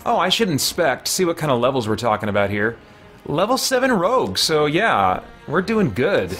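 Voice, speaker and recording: Over game music, a forties-aged streamer speaks in a bright, sing-song voice on the high side at an ordinary pace. He's casually commentating on his gameplay, joking around with viewers, his characters and himself.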